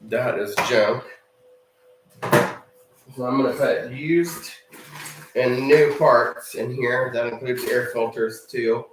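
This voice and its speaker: Hobby host with the hiccups, unhurried workbench commentary, recorded a little off-mic. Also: male voice, medium pitch, echoey room, recorded from a distance, background noise. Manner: slow, offhand narration while working with his hands. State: has the hiccups.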